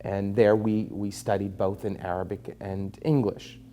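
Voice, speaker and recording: A man's voice: on the low side, little pitch movement, measured pace, dark tone. A man in his fifties, raised in Palestine and working as an attorney, telling his personal story in an earnest, emphatic way with frequent fillers. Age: 50s.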